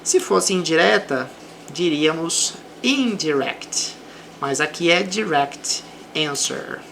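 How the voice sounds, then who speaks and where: A woman with a Brazilian accent teaching English, reading example sentences slowly and explaining them. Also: low voice, lively intonation, creaky, a bit bright, a little hiss or hum. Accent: Brazilian Portuguese. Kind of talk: slow explanatory language lesson.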